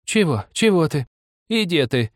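An old village woman scolds and barks orders in a high, loud, nagging voice, as a man reads her part. It sounds close and dry, with no room around it. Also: big pitch swings, measured pace, no echo. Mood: scolding. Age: older.

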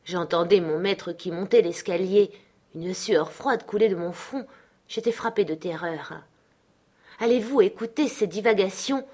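A woman reads a classic novel aloud in a fairly low voice. Her delivery is expressive and dramatic, rising with the tension of the scene. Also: unhurried. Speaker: audiobook reader. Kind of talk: audiobook narration.

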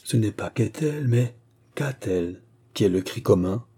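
A man reading as a middle-aged vicar's wife in a storybook, scheming for her daughter, talking eager and coaxing. the voice is low, dark and husky. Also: lively intonation, normal speed. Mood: earnest. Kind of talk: audiobook reading.

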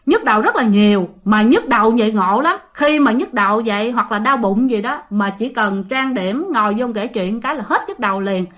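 Female host, higher voice, chatty ghost-story teller who talks straight to listeners. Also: expressive, normal speed, hardly any pauses, fairly bright tone. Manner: chatty, addresses listeners directly, many fillers. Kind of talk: casual storytelling.

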